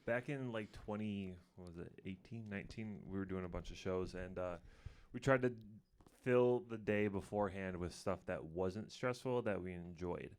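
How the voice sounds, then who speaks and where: A man with a low voice speaks in a relaxed, hesitant way, often pausing on "uh" and "like". He co-hosts a casual talk and passes on viewer questions. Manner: laid-back, hesitant, with fillers like "uh". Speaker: co-host reading chat questions. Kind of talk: casual chat.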